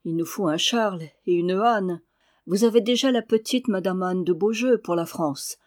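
A woman reading the part of a talkative, jovial old friar in an audiobook, in a soft storytelling voice. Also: medium pitch, natural voice.

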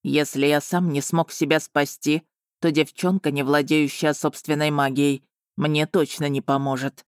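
A proud male dragon, as a woman reader puts him on, deep for her register and slow, measuring out each clipped word with cold authority. The recording is dry, close and bare of room sound, as in a storybook audiobook. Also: level tone, clear, resonant tone, no room sound. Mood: stern. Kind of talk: audiobook narration.

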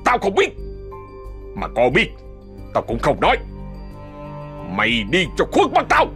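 A man's voice: on the high side, wildly swooping pitch, unhurried, faint music behind, voice pushed up, exaggerated voice. A man doing a raging, cursing old uncle. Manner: shouting curses. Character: furious old man, an uncle in his rage.

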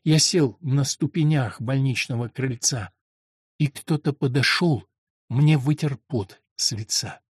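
Male reader as a proud lackey avenger, husky, high, verse read with heat. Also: expressive, unhurried, fairly bright tone, dry recording, studio quality. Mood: hushed remorse. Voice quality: husky, declamatory. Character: Ruy Blas, lovesick servant turned avenger, adult man. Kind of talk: dramatic verse reading.

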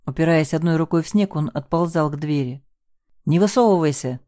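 A woman reading a first-person story aloud as an audiobook narrator, raising her voice for the shouted lines. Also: low voice, steady tone, a little fast, no room sound, studio quality.

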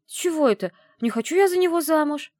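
A woman's voice: medium pitch, animated, brisk, darkish tone, no echo, pitched above the performer's own voice, close to an everyday voice. A woman reading the part of a snappy, indignant young witch heroine in an audiobook. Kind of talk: audiobook character voice.

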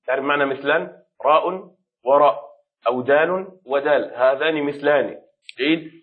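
Patient Arabic teacher, slightly high voice. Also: male voice, a bit bright. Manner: patient, repeats key words and checks understanding. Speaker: sheikh teaching Arabic rhetoric. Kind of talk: classroom lesson. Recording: dull lo-fi recording.

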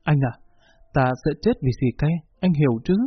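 Sick, resolute young woman in a storybook, voiced by a husky male reader, dull lo-fi sound. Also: a little high, moderate pace, dry recording. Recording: dull lo-fi recording with faint music.

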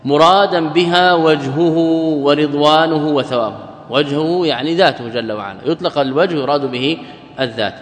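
A man's voice: medium pitch, a little fast. A man teaching as an Islamic scholar, quoting a passage, then glossing it step by step and asking and answering his own questions. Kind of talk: lecture. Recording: echoey hall recording.

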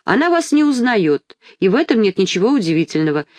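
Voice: mid-range voice, very animated, fast talker, darkish tone, dry recording, lightly acted. A reader voicing a pushy, crooked male doctor who gives curt orders. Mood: coaxing. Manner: curt, commanding.

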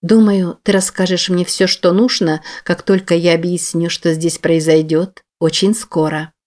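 Woman reader voicing a commanding young woman, audiobook, calm, firm, measured, low voice. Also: natural voice. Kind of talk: audiobook character voice.

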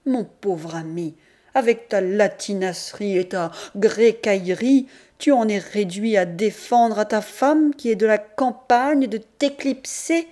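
A woman reading aloud and voicing a proud, sharp-tongued country mother who scolds defiantly and with emphasis. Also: medium pitch, unhurried, lightly acted. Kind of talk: audiobook character reading.

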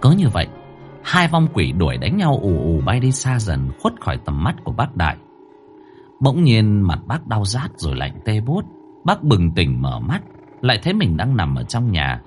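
Man, horror story narrator, wildly varied pitch, mid voice, faint music behind. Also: moderate pace. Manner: highly expressive, rising to cries.

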